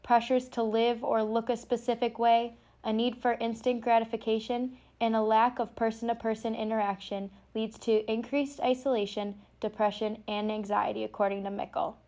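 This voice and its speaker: A woman's voice: fairly high pitch, level tone, normal speed, few pauses, warm tone. A young woman, a student reporter, reading scripted narration for a news package. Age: young adult.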